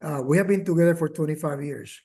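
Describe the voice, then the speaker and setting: A man speaking as a caregiver at a workshop, telling his story with many pauses, fillers and restarts, and growing emotional at times. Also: fairly high pitch, a little mellow. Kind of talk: personal testimony, remote talk.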